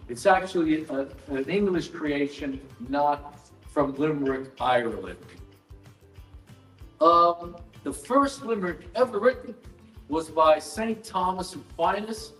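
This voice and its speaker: A man's voice: on the high side, fairly bright tone. Man explaining in an echoey hall. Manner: measured, explanatory, dry asides. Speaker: author presenting his book. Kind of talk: live explanatory talk to an audience. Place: event hall at a book fair. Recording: roomy hall echo, mic some distance off, faint music.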